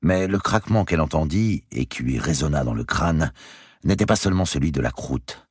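A man reading a historical novel aloud as its narrator, with an expressive, dramatic delivery. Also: very deep voice, brisk, breathy edge, no echo, studio quality.

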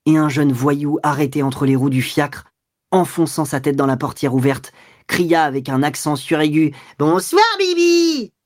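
A woman narrates a classic novel in a low, husky voice, measured and expressive. The recording is close and dry, with no room sound. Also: no room sound. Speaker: audiobook reader. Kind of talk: literary audiobook narration.

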